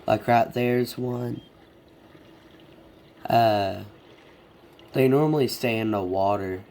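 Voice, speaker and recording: Slow-talking man with a stuffed-up nose. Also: mid-range voice, a little mellow, slight background noise. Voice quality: congested. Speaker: gamer giving a video game tour. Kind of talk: casual rambling game walkthrough.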